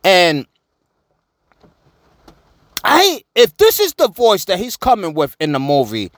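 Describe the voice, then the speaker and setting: Animated slangy New man. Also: sits high, slow pace, no room sound. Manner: animated, slangy, repeats himself. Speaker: vlogger. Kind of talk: casual opinion commentary.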